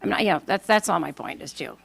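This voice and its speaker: A woman's voice: fairly low pitch, expressive, quick pace, vocal fry, a bit bright. A woman objecting at a town board meeting, speaking in an insistent, challenging way. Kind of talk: public meeting debate.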